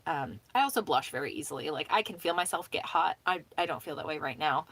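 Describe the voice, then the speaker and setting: A young woman chatting casually on a live stream, rambling with lots of "um" and "like", laughing often and talking fast with some mumbling. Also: low voice, lively intonation, fairly bright tone, slightly rough. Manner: talks fast and mumbles at times.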